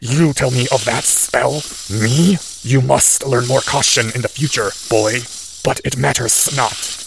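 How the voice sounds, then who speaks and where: A man doing Professor Quirrell, slow and cold. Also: mid-range voice, creaky, voice pushed up. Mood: cold, scornful. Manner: slow, hissing, broken clipped grammar. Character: dying male professor turned snake, cold and clipped.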